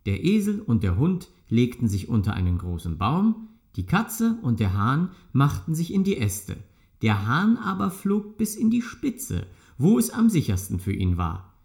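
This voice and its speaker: A man reading a fairy tale aloud in a slow, expressive storytelling manner. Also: medium pitch.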